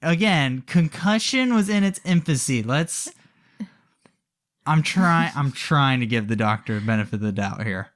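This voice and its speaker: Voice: mid-range voice, expressive, unhurried. A podcast co-host telling a story casually, with wry asides to the listener.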